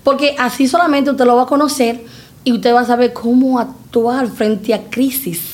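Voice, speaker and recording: A middle-aged woman with a high voice tells a family story. She is animated and acts out the people in it, with plenty of fillers and pauses. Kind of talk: storytelling in a casual chat.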